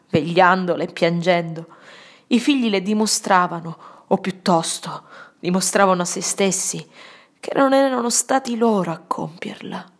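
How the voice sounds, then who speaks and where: A woman narrating a literary audiobook in a solemn, dramatic way, often sinking to a hushed whisper. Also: lowish voice.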